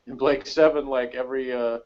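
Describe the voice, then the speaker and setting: A man co-hosts a casual, opinionated chat, meandering conversationally and dropping "like" often. His medium-pitched voice is steady in tone, fairly quick, and a little mellow, heard in a slightly dull, lo-fi recording.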